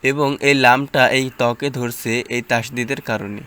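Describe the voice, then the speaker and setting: A man's voice: mid-range voice, fairly even intonation, moderate pace, pushed and bright, smooth. A man teaching Quran reading. He spells out the letters and vowel marks one by one, then chants the joined syllables. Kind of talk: slow letter-by-letter recitation drill.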